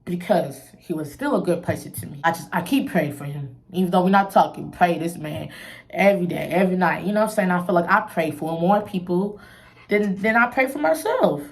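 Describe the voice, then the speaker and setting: A young woman talking candidly to her viewers in a casual vlog. Her voice sits a little low, and she moves from soft, almost hushed reflection to lively laughing outbursts, tossing in "you feel me" as she goes. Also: a little fast. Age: young adult. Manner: candid, expressive, peppers talk with "you feel me"; swings between soft low musing and bright laughing outbursts. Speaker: vlogger. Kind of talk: casual personal vlog talk.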